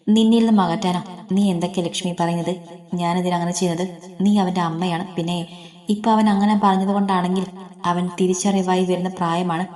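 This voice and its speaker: A woman reading the part of a calm, patient grandmother who reasons gently in a storybook reading. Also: on the low side, quick pace, echoey room, lightly acted.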